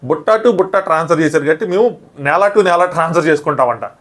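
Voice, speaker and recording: A man's voice: fairly high pitch, lively intonation, a bit bright. A man reviewing a reality show episode in casual, argumentative talk, often acting out what others said. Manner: rapid, argumentative, often acts out quoted lines.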